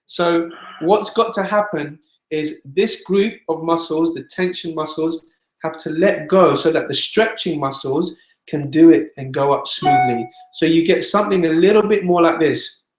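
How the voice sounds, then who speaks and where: A man's voice: on the high side, unhurried, soft background music. A man teaching singing in an online webinar, explaining patiently and demonstrating scales. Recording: echoey room.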